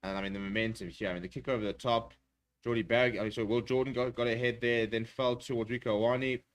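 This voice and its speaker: Guy doing fast live rugby commentary on a watchalong stream, lots of uh's, gets hyped on the big plays. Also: mid-range voice. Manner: rapid, excitable play-by-play with filler words.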